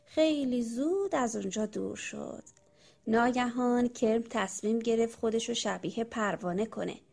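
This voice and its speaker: A woman narrating a children's story, gently addressing the young listeners. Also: fairly high pitch, gravelly.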